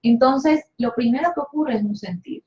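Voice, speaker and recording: A woman's voice: high-pitched, normal speed, mellow. A woman with a Colombian accent leading a spiritual study group, explaining step by step and asking rhetorical questions that she then answers herself. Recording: roomy, slightly dull recording.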